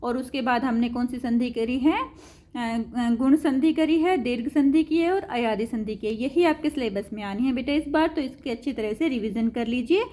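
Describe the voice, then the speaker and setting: A woman's voice: a little high, normal speed, dark tone. A woman teaching a grammar lesson to school pupils, patiently repeating each example and addressing the pupils as children.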